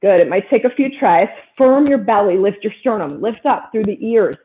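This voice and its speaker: A woman yoga instructor guides a class through poses with brisk, encouraging cues on alignment and breathing. Her voice comes through thin and tinny, like audio over a phone line. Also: mid-range voice. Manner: steady stream of short, encouraging body cues.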